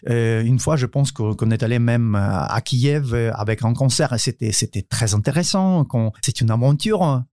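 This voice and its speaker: A man's voice: medium pitch, normal speed, hardly any pauses, dark tone, dry recording, studio quality. A man in his thirties with a Ukrainian accent, a dancer answering interview questions, hesitant, with many fillers and restarts as he searches for words. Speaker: guest, cabaret dancer. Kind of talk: podcast interview.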